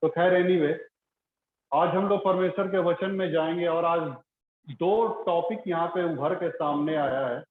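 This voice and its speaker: A male pastor with a somewhat raised pitch delivers a sermon in loose, conversational Hindi-style preaching, circling back on his phrases. The church around him rings, and the sound comes through thin and phone-like, with a faint hiss. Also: measured pace. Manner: conversational, repeats phrases, many fillers. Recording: echoey church on a tinny phone-like line.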